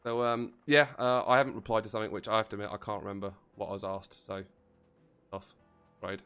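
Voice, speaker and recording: A man with a lowish voice rambles through a casual game stream, excitable and swearing freely. He talks close to a desk mic. Game music plays steadily behind him. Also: fast, clean tone. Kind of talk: casual livestream commentary while playing.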